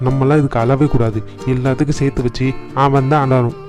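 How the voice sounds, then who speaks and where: A man voicing a quick-tempered grown man in a family cartoon who scolds his brother heatedly. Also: medium pitch, steady tone, over music, lightly acted. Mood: consoling, bitter. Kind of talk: cartoon voice acting.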